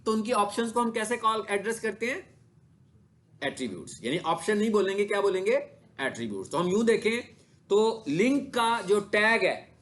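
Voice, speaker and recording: High-voiced male teacher. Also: fairly bright tone. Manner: asks the class questions and answers them himself. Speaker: digital marketing instructor. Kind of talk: classroom lecture with screen demo.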